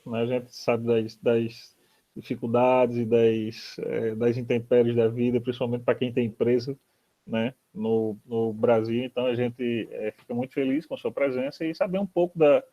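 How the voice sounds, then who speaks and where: Hesitant and full of fillers, a Brazilian-accented man moderates an academic interview online. He speaks at a normal speed with a medium-pitched, mellow voice and fairly even intonation, over a video call that sounds dull and lo-fi.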